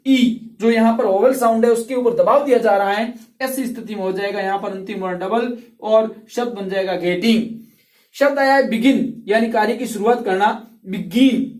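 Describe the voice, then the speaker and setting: A male English tutor explaining grammar rules slowly and patiently, repeating each word and drawing out its sounds. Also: sits high, darkish tone, recorded from a distance. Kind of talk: classroom grammar lesson. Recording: roomy, voice from off the mic.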